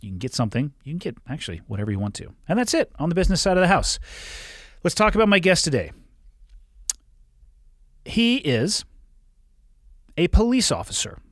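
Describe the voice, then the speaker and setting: A man's voice: on the high side, fairly quick, pauses often, dry recording. A man in his thirties hosting a podcast, chatting casually into a studio mic and swearing freely. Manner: swears casually, lively delivery. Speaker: podcast host. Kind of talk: casual interview chat. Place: small studio with curtained walls. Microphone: studio mic on boom arm, headphones.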